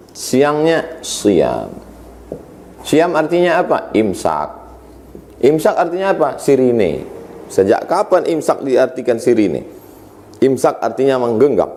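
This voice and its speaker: Mellow-voiced man preaching animatedly. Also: on the low side. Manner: animated, asks rhetorical questions and answers them himself; recites Arabic verses then translates them. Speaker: Islamic preacher. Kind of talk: religious lecture.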